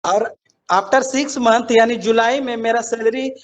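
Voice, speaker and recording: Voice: mid-range voice, slow pace, a crowd in the background. A student in a live online class who asks the teacher questions politely, calls him sir, and heard over a call line. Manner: polite, calls the teacher sir, mixes English number words into Hindi. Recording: dull lo-fi call audio.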